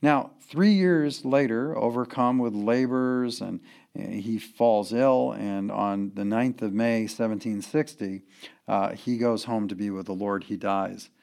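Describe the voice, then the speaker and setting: A man's voice: fairly low pitch, unhurried, gravelly, a little mellow. A man giving an earnest church history lecture, working through his points with emphasis.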